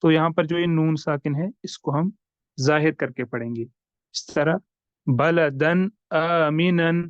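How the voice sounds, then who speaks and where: A man teaching tajweed, who spells out Arabic words slowly, letter by letter. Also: on the high side, dry recording, muffled recording. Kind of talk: online lesson.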